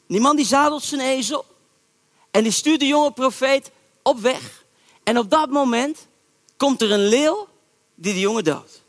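A male preacher with a high-pitched voice tells a scripture story from the pulpit. He talks in a lively, everyday way and slips into the voices of the people he quotes. His voice rings out with a long echo, as in a large church hall. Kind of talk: sermon retelling a Bible story. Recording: echoey hall reverb.

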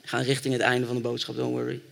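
A man's voice: mid-range voice, completely flat delivery, quick pace, vocal fry, fairly bright tone. A man preaching a sermon, retelling a Bible story and building to fervent exhortation.

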